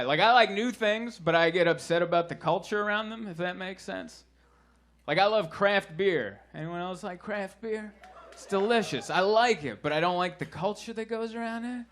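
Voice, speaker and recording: A man doing a stand-up set with deadpan, self-mocking storytelling in a crowded basement comedy room, with audience laughter behind him. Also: high-pitched, normal speed. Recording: live club recording with crowd noise.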